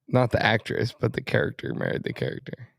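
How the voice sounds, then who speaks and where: A young man chatting as a guest, jokey and deadpan, always ready with a gag. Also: mid-range voice, creaky, dry recording, clean studio sound. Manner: jokey, deadpan, quick with impressions. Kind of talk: casual chat.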